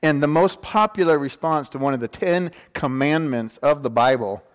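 A man's voice: a little high, normal speed. A man around his forties preaching a casual sermon to a congregation, informal and joking, checking in with rhetorical questions. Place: large room, speaking to a congregation. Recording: long hall reverb.

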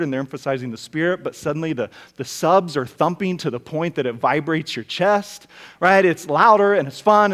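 A man preaching a sermon as pastor, talking conversationally with bits of humor and frequent restarts. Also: a little high.

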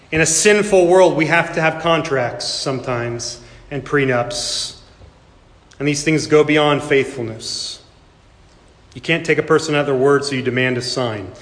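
A man's voice: a little high, fairly bright tone. Man preaching a sermon, echoey hall. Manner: emphatic preaching with dramatic pauses. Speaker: pastor. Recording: echoey hall with long reverb.

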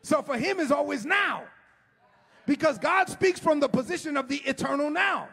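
A middle-aged man preaching an impassioned sermon as a pastor, often shouting and stretching his words, recorded in a church sanctuary. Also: very high voice, lively intonation, moderate pace, vocal fry. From United States. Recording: long hall reverb.

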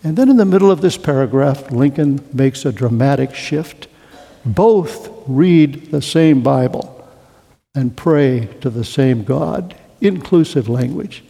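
Mellow-voiced man lecturing in a reverberant hall. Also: mid-range voice, lively intonation, creaky, slightly rough. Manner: deliberate, slows to a hush for key lines. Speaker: historian lecturer. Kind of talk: storytelling lecture.

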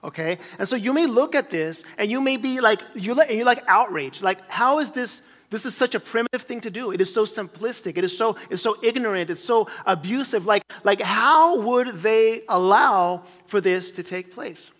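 A man's voice: high voice, normal speed, hardly any pauses, fairly bright tone. A man preaching a sermon as pastor, talking to his congregation in a conversational way with frequent restarts and asides. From grew up in Chile as a missionary kid. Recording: church hall reverb.

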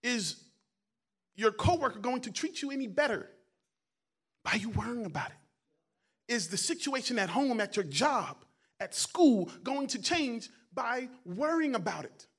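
A man preaching a sermon as a guest pastor, loud and emphatic in places and quiet in others, often repeating his words and phrases. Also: extremely high pitch, animated, unhurried, long pauses, breathy edge. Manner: preaching, swings between quiet asides and loud emphatic calls.

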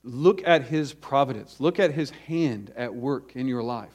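A male pastor preaching a sermon at a pulpit microphone, slowing down to stress lists of words. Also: medium pitch, a little mellow.

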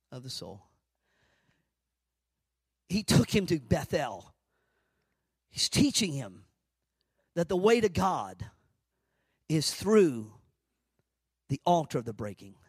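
A male preacher delivering a sermon dramatically, swinging between shouted declarations and hushed, near-whispered lines. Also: on the high side, slightly rough, no echo.

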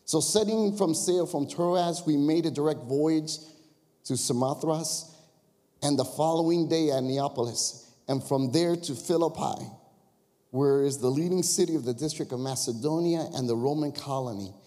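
Pastor from the Chicago area, mellow male voice, chatty confessional sermon style, long church-hall reverb. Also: fairly high pitch, normal speed. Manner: conversational storytelling with confessions and crowd asides. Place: church sanctuary.

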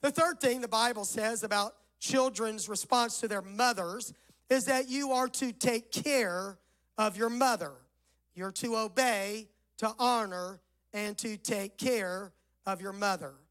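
A man with a Southern US accent preaching a sermon as a pastor, his voice rough, hoarse and hollow as if inside a barrel, phrasing deliberately. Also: sits high, a bit bright. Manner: deliberate phrasing with scripture recitation.

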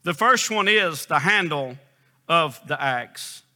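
Bright, lively male preacher. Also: slow pace. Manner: swings between loud, high, emphatic questions and quiet, low storytelling; reads scripture aloud in King James wording. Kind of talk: sermon.

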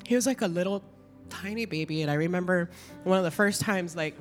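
Middle-aged woman, lowish voice, tearful and rambling church testimony over soft music. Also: brisk, in a large hall. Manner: emotional, chatty, lots of "like". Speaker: church member giving a testimony.

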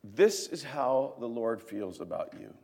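Man preaching, earnest, hushed then emphatic, long hall reverb, mid-pitched voice. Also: big pitch swings, a little slow. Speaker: pastor. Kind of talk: sermon.

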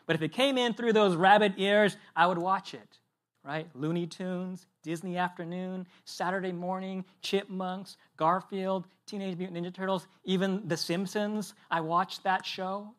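A male pastor in his thirties preaches a sermon like a friendly chat, telling stories with lively energy. His voice sits high for a man. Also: unhurried. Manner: lively, chatty storytelling.

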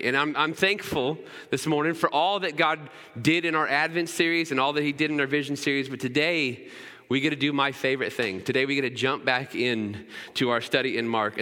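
Bright-voiced pastor in a reverberant hall. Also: male voice, mid-range voice, brisk. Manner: conversational, often adds "right?". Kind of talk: sermon. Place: church sanctuary.

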